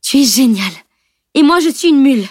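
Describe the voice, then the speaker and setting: A woman's voice: on the high side, brisk, darkish tone, dry recording, clean studio sound, voice pushed up, natural voice. A woman reading an audiobook, voicing an impulsive, emotional teenage girl in a raised, urgent voice. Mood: excited.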